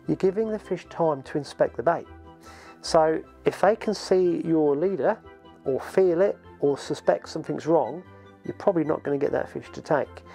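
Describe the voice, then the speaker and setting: A man's voice: a little high, vocal fry. A man in his forties with an English accent, talking casually to camera as he shows fishing gear and how to rig it, recorded seated in a small home studio. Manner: relaxed, chatty, explaining with hand gestures. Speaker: fishing channel host.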